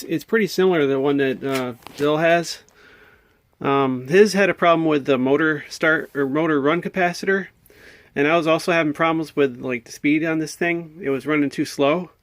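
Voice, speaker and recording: Here an American hobbyist videographer, speaking on the high side in a recording with no room sound, presents things casually from his workbench at home. He reasons aloud, hesitant and a bit baffled.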